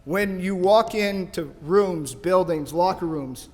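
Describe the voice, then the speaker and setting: Slow and a little mellow, this man's voice sits high as he delivers his hall of fame acceptance speech into a podium microphone. He's from St. Louis, USA, and he tells stories, expresses thanks and keeps things loose and joking in a banquet hall with audible reverb.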